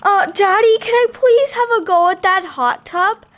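Doll play: woman voicing an eager little boy, squealing, pitched well up. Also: a little slow, a bit bright. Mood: excited. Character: excited little boy at a spa.

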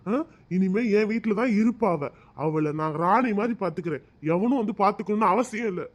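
Man doing a cartoon village father, high voice, loud, scolding, defiant. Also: fairly quick. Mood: angry. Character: angry protective village father, middle-aged. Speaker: father of the bride.

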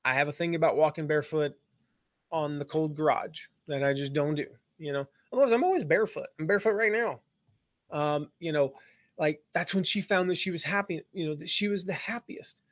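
On the high side and brisk, this Southern U.S. man's voice comes through in studio quality without echo. Working as an online business coach, he delivers a relaxed live-stream lesson, joking and meandering with many fillers and restarts.

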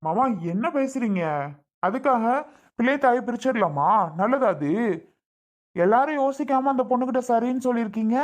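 A woman's voice: on the high side, lively intonation, normal speed, darkish tone. A woman speaking in an indignant, insistent, scolding way in a family skit. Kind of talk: family drama acting.

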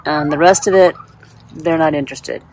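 With a steady, slightly mellow tone and moderate pace, a woman gives casual first-person narration while filming her backyard chicken run on a handheld phone from off screen. She's chatty and talks to her hens in a high, playful voice, and the recording is rough.

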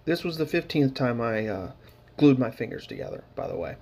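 A man's voice: medium pitch, sing-song, fairly quick, vocal fry, darkish tone. Casual rambling man, dry sarcasm. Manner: rambling, filler-heavy, dry sarcastic humor. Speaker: hobby painting vlogger. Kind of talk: casual narration over hobby footage.

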